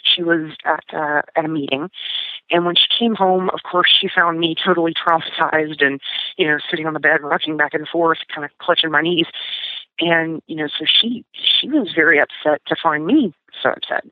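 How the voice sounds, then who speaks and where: A woman's voice: sits low, normal speed, no echo. Woman, guest storyteller, conversational, lots of fillers, phone-quality audio, dry sound. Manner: conversational, with many fillers and restarts. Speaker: guest telling a personal experience. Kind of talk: casual storytelling. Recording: tinny phone line, dry.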